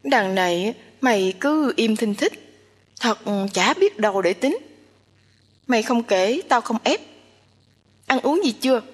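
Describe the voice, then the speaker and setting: A woman's voice: fairly high pitch, lively intonation, unhurried, long pauses, slightly rough. A woman voicing a nosy, teasing young woman. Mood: coaxing. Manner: bossy, teasing and chatty. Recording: long hall reverb.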